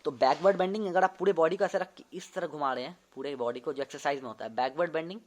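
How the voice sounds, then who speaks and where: A man's voice: fairly high pitch, very fast, a little mellow. A young man, a medical student, casually teaching an anatomy lesson, demonstrating movements and often repeating terms to check understanding. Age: young adult.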